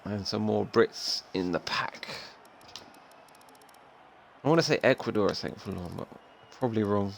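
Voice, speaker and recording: A young man commentating a sim racing league, excitable and chatty with casual slang. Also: fairly low pitch, a little slow, gravelly, long pauses, slight background noise. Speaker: race commentator.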